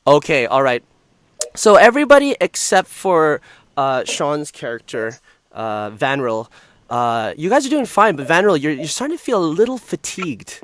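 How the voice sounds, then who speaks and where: A man acting as game master, improvising narration for a tabletop game in halting, hesitant phrases. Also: fairly high pitch, big pitch swings, a bit bright, no echo.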